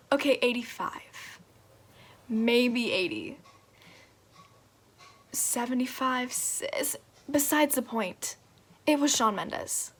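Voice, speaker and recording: A woman's voice: a little high, fairly bright tone. A woman acting a dramatic, gossipy young woman telling a friend news over the phone in a stage monologue. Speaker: student actor.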